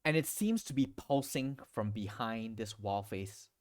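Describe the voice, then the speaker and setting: A man's voice: on the low side, measured pace, dry recording, studio quality. A man acting as game master, narrating a tabletop role-playing game in descriptive second-person storytelling.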